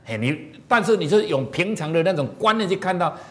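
A man's voice: high-pitched, fairly quick. A man giving a moral lecture through stories, often asking the audience questions. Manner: animated, asks the audience questions. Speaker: moral teacher.

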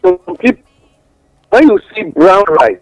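A man's voice: high voice, huge pitch swings, unhurried, gravelly, faint music behind, low-quality recording. A man with a Nigerian accent explaining things in West African Pidgin English, teaching through examples and rhetorical questions as a radio guest giving advice.

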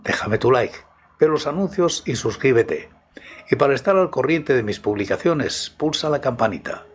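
A man with a husky voice narrating scripted tales as the host of a story programme. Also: mid-range voice, expressive, moderate pace. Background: music.

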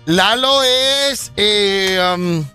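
A man's voice: high-pitched, extremely slow, pushed and bright, soft background music. A man, co-hosting a morning radio show, explaining things and joking in casual banter. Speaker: radio co-host.

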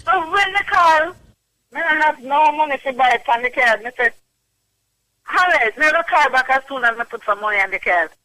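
A woman with a Jamaican accent calling a radio show, telling her story in an excited way and repeating phrases for emphasis. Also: high-pitched, normal speed, dry recording, rough recording. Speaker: radio phone-in caller. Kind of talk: animated storytelling testimonial.

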